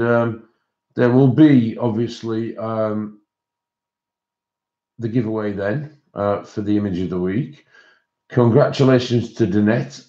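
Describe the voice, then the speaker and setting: A man's voice: mid-range voice, a little mellow, muffled recording. A man hosting a livestream, chatting casually with viewers and thinking aloud in a hesitant way. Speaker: livestream host.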